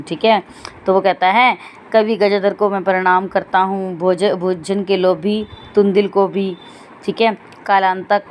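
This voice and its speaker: Woman teacher, class lesson, line-by-line explaining, even mid pitch, faint background hiss. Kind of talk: Sanskrit lesson explained in Hindi.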